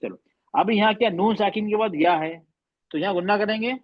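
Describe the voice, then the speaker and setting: A man teaching a recitation class, patiently explaining and slowly drawing out and repeating recited words. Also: high-pitched, no echo, lo-fi sound.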